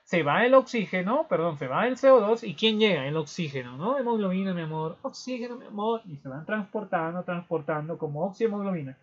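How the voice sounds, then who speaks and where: A man's voice: high voice, animated, brisk, hardly any pauses, slightly rough. A male teacher giving a physiology review, explaining with playful storytelling and frequent tag questions. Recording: dull lo-fi recording.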